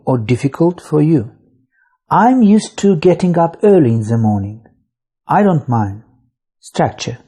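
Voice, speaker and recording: An English teacher with a husky, mellow voice reads a grammar lesson slowly and deliberately. Between phrases the pitch shifts a great deal. It comes across as a scripted voice-over for an online course.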